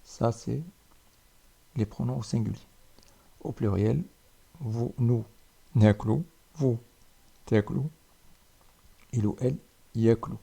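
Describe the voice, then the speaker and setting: A man teaching a spoken language lesson, repeating each word slowly with pauses. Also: medium pitch, vocal fry, mellow, husky.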